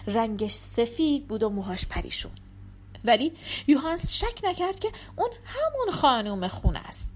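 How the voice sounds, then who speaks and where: A woman storyteller narrating a folktale in an expressive, dramatic reading. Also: on the high side.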